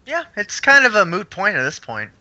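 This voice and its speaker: A man in a casual podcast chat, chatty and quick to jump in. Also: high voice, wildly swooping pitch, bright, forceful tone, no room sound, lo-fi sound.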